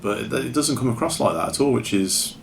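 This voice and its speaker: A man's voice: mid-range voice, expressive, a little fast, creaky, noisy background. A man chatting casually as a podcast co-host, blunt and laconic, with hesitant fillers. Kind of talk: casual chat.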